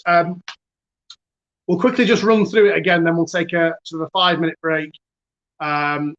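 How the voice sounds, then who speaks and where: A man's voice: high-pitched, dull audio. A man with a Northern English accent hosting a casual online quiz, chatty and self-mocking, with lots of fillers. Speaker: quiz host.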